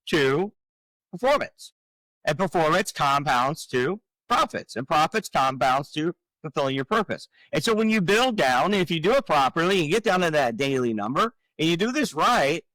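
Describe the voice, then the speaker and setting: Man in his forties, fairly high voice, animated coaching tone, dry close sound. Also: dry recording, low-quality recording. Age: 40s. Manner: energetic, coaching, rhetorical questions. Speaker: podcast guest, real estate coach. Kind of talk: casual podcast talk.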